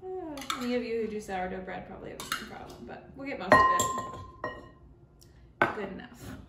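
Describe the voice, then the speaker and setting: In an echoey kitchen with faint background noise, a young home baker who runs her own channel walks through a casual tutorial step by step. Her mid-range voice is expressive, her pace normal, and her manner friendly and chatty as she works.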